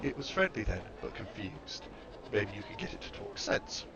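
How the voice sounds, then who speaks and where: A man voicing an ancient, trembling, awed female servile creature in a game, reading her lines slowly and reverently. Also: on the low side, huge pitch swings. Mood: wistful. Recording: muffled lo-fi mic with background noise.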